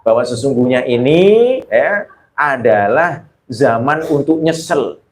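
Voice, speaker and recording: A man's voice: animated, slow, a little hiss or hum, poor audio. A man teaching Quran exegesis to a women's study group, explaining Arabic terms and quizzing his listeners with questions. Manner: acts out exaggerated exclamations with rising pitch. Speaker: Islamic religious teacher.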